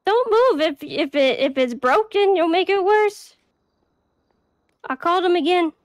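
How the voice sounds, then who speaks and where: A woman's voice: extremely high pitch, lively intonation, a little slow, no room sound, clean studio sound. A woman playing an exasperated, incredulous young donut shop worker in an improvised game role-play. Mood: alarmed.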